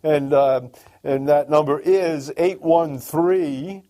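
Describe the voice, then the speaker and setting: A man's voice: on the high side, steady tone, takes it slowly, warm tone. A man hosting a call-in business radio show, talking emphatically and piling up repeated phrases. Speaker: radio talk show host.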